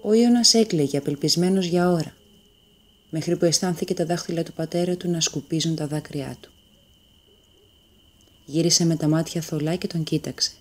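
A woman narrating a fairy tale in a calm, measured storytelling manner. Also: deep voice.

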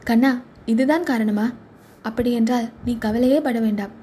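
A woman's voice: a little high, unhurried, dark tone, a little hiss or hum, close to an everyday voice. Kamali, a woman voicing a cheerful young wife. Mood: coaxing. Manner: coaxing, questioning. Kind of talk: storybook reading.

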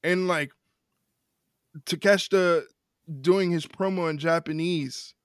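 A man co-hosting a casual wrestling podcast, ranting with lots of repeated words and quick laughs. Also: high-pitched, fairly even intonation, clean tone, no room sound, clean studio sound. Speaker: podcast co-host.

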